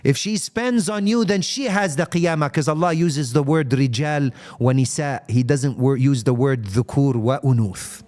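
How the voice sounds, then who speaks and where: A man's voice: mid-range voice, normal speed, few pauses, darkish tone. A man giving an impassioned live-stream talk on faith, answering viewers' comments and mixing English with Arabic phrases and rhetorical questions. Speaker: Islamic speaker.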